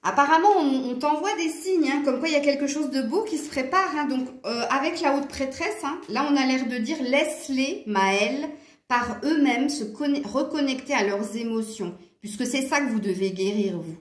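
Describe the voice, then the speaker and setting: A tarot card reader with a southern French accent gives a chatty reading straight to her viewers, laughing often between remarks. Her voice is high-pitched and moderately paced, recorded in an echoey room.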